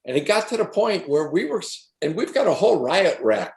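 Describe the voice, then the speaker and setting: A man's voice: sits high, big pitch swings, brisk, gravelly, reverberant. A man in the shower door trade, chatting emphatically and repeating himself for effect. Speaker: shower door installer on a panel. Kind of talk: casual shop talk.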